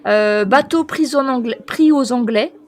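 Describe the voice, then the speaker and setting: A woman running a tabletop role-playing game as game master, reading out a long list with many pauses and fillers, stumbling over foreign names. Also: on the high side. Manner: reads foreign names haltingly.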